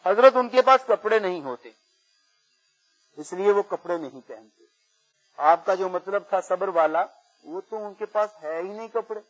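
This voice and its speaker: A man preaching a storytelling sermon at a religious gathering, swinging from quiet to loud. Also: sits high, lively intonation, long pauses. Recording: muffled lo-fi recording.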